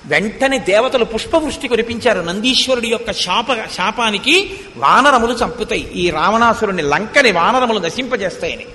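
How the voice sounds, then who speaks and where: A man's voice: high voice, lively intonation, moderate pace, pushed and bright, slight background noise. A man giving a devotional discourse who retells scripture stories, acts out the dialogue and chants verses. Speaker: religious discourse speaker. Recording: long hall reverb.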